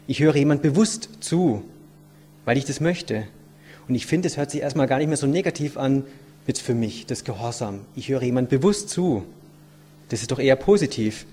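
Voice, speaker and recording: A lay preacher with a medium-pitched, mellow, husky male voice gives an earnest, reflective sermon that includes a story read aloud. He asks his listeners many rhetorical questions.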